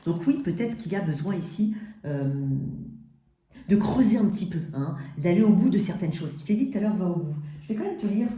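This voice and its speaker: Woman w a lisp on her s's doing a chatty tarot reading, lowish voice, echoey room. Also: animated, brisk, mellow. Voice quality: lisp on s and z sounds. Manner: addresses the listener intimately as "tu". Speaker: tarot reader, host. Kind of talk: informal tarot reading to the listener. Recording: roomy, echoing sound.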